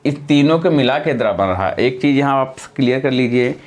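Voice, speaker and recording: A man's voice: mid-range voice, expressive, brisk. A man teaching a lesson, who explains patiently step by step, repeats key points and corrects himself as he goes. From India. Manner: self-correcting, thinking aloud mid-explanation. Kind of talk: classroom-style lesson.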